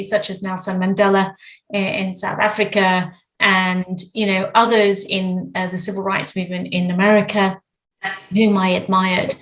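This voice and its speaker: Woman from zimbabwe, middle-aged, podcast guest, measured and reflective, restarts phrases, mid-pitched voice. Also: a bit bright, poor audio. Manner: thoughtful, measured, with frequent restarts. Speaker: podcast guest, corporate lawyer. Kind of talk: reflective interview answers.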